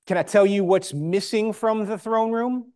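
A man preaching a sermon in short emphatic phrases, pausing for a live interpreter, with rhetorical questions. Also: high voice, mellow, clean tone.

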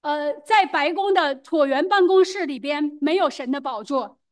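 A woman interpreting a sermon phrase by phrase, quick and hesitant, with fillers and self-corrections. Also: high-pitched.

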